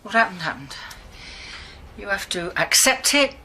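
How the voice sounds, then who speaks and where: A woman's voice: mid-range voice, big pitch swings, a little slow, slight background noise, exaggerated voice. An actress playing a blunt, earthy older woman in a television soap drama. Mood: reflective. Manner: blunt and earthy, softening into quiet remembering.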